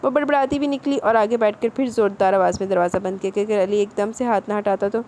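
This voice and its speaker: A woman narrating a romance novel as an audiobook, in a steady, even storytelling voice. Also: medium pitch, slight background noise. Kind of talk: reading a romance novel aloud.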